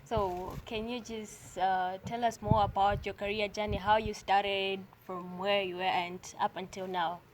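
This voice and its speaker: A woman interviewer with a mid-pitched voice. She asks her questions in an encouraging way and answers the guest with short affirmations. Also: level tone, a little slow, hardly any pauses, slight background noise. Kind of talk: casual interview conversation.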